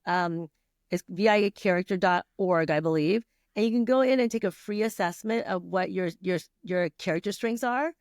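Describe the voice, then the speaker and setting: Speaking at a moderate pace, a middle-aged Vietnamese woman with a medium-pitched, slightly mellow voice chats in a relaxed podcast interview. Fillers, false starts and laughs run through it, captured cleanly in a studio without echo.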